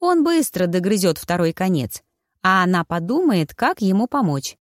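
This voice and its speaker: An audiobook narrator reading a fantasy story in a steady, even storytelling manner. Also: mid-range voice, moderate pace, no echo, clean studio sound. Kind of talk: scripted narration.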